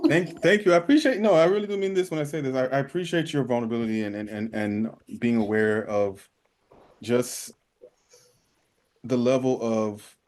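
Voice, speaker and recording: Lowish-voiced man hosting, halting delivery. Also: a little mellow. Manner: halting, often repeats words as he searches for phrasing. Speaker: podcast host. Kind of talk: casual conversational interview.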